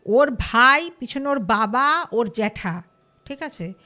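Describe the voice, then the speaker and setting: A woman telling a true ghost story casually, lively and acting out the people she quotes. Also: on the high side, slow pace, soft background music. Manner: lively, acts out quoted voices. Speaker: storyteller guest.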